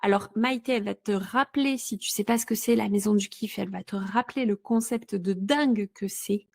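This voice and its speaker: A woman's voice: medium pitch, a little fast, gravelly, a little mellow, no room sound, clean studio sound. A woman hosting a podcast, asking questions with enthusiasm and laughing along with her guest. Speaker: podcast host. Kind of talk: casual podcast interview.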